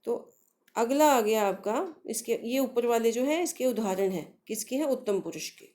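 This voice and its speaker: A woman's voice: fairly high pitch, expressive, normal speed, dark tone. A woman teaching a grammar lesson to schoolchildren, patiently asking questions and answering them herself, calling the pupils dear. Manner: addresses pupils affectionately. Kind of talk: Hindi grammar lesson for children.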